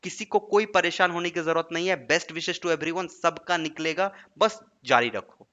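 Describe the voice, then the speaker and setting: Bright-voiced man teaching an exam lesson. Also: on the high side, a little slow, muffled recording. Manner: coaxing, asks checking questions like "right?". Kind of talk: online lesson with screen writing.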